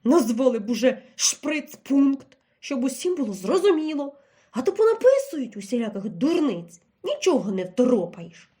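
A big, blustering bear, always hungry and quick to grumble, as a woman narrator puts him on. He talks gruff and impatient, with a lively, swooping voice. A children's audio fairy tale. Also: high-pitched. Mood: grumbling.

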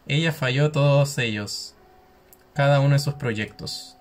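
A young man with a Chilean accent reads on-screen game dialogue aloud as he plays. He stumbles, restarts lines and drops slangy casual remarks between the reading. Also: medium pitch. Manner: reads text haltingly with restarts, slangy asides. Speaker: gameplay streamer.

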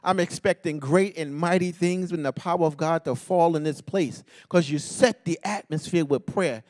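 A male pastor leads a fervent intercessory prayer, closing nearly every phrase with a call to God in a rhythmic, half-sung style that rises to shouts. His voice is on the high side at a moderate pace, recorded at studio quality with no echo.

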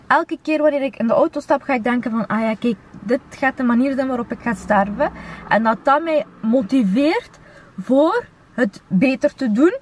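A woman's voice: sits high, animated, moderate pace, darkish tone, a little hiss or hum. A young woman with a Flemish accent chatting casually, slangy, with Arabic interjections. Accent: Flemish Belgian. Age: young adult. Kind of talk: casual chat. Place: inside a car.

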